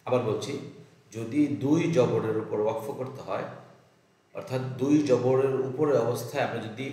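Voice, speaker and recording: A man's voice: medium pitch, moderate pace, mellow. Patient male teacher in an echoey room. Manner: repeats rules patiently, asks and answers his own questions. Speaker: Quran recitation teacher. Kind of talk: step-by-step lesson with slow chanted examples.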